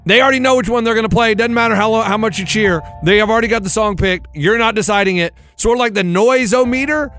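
A man's voice: high-pitched, fast, few pauses, a bit bright, faint music behind. A man co-hosting a sports talk show, giving opinionated, lecturing rants to listeners. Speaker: co-host. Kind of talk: casual sports radio chat.

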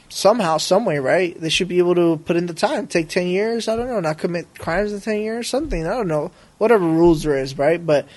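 A man as a podcast guest, talking casually in a rambling, slangy way and often checking for agreement. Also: high-pitched. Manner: slangy, rambling, peppered with bro and right. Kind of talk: casual conversation.

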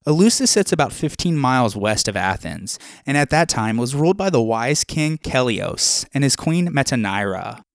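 A man hosting a podcast, telling old myths as steady scripted narration with small asides to listeners. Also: mid-range voice, dry recording, studio quality. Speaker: podcast host.

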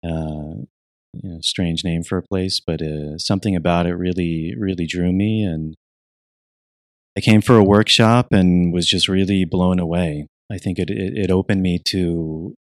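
Deep, dry-voiced thoughtful man. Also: fairly even intonation, a little slow, no echo. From United States (Virginia). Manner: soft-spoken, thoughtful, frequent restarts and fillers. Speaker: interviewee, retreat program teacher. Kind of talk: reflective interview answers.

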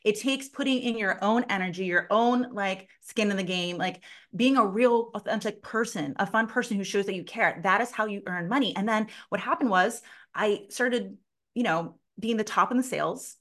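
A woman sales consultant telling a lively story in a casual interview, full of "like" fillers and casual swearing. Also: medium pitch, normal speed. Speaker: sales consultant and podcast guest.

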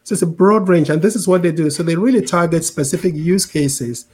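A man's voice: fairly high pitch, brisk, a little mellow, husky. A middle-aged man from Cameroon with a mixed international accent, explaining things in a conversational interview with frequent repeated words and "right?" tags. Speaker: interview guest, tech executive.

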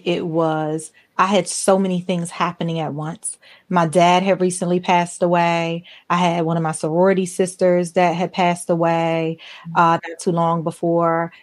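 Earnest woman podcast host in her forties. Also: fairly low pitch. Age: 40s. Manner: earnest, emphatic storytelling. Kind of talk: conversational interview.

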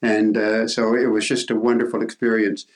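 Older man telling a story, halting. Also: lowish voice, flat delivery. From Canada. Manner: halting, repeats words, acts out quoted voices. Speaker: interview guest, senator. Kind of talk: storytelling in an interview.

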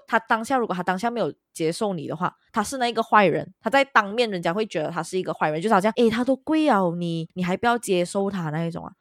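A woman's voice: medium pitch, no room sound, studio quality. A woman co-hosting a casual chat, telling a long story and dropping English words into her speech. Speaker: podcast co-host.

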